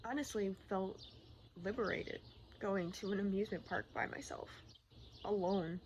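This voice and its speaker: A woman talking candidly in a personal vlog, in a rambling, halting, casual way, often repeating herself. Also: medium pitch. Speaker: personal vlogger. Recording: clearly noisy outdoor-like ambience, birdsong. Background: birdsong and environmental noise.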